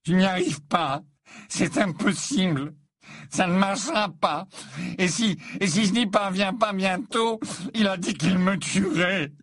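Audiobook boy, read by a man: trembling, desperate, husky. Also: sits high, unhurried, fairly bright tone, dry recording, clean studio sound, voice pushed up. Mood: despairing. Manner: trembling, despairing. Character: frightened teenage boy, cornered and desperate.

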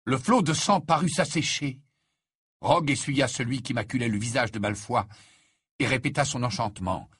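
Male audiobook narrator: husky, expressive, dry sound. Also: mid-range voice, moderate pace, no room sound. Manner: expressive, dramatic reading. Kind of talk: scripted narration.

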